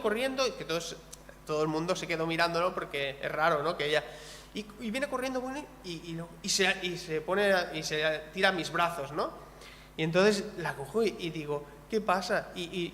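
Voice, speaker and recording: A man with a slightly high voice from preaches in a relaxed, conversational way, mixing a family story with prayer. His voice rings with a long reverb, as if in a large church hall. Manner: conversational, telling a personal story, ending in prayer. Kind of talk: sermon.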